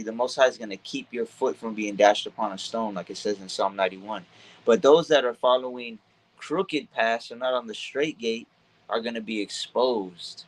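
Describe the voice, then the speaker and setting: A man's voice: medium pitch, poor audio. A man hosting a casual religious discussion, teaching from scripture and often checking in with his listener. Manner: reads scripture aloud slowly. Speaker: podcast host leading a scripture study.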